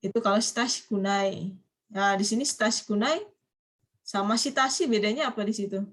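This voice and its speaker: A woman's voice: medium pitch, a little fast, fairly bright tone. A woman teaching a university Japanese class online, prompting students to finish each phrase. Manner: coaxing students to complete phrases. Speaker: Japanese language lecturer.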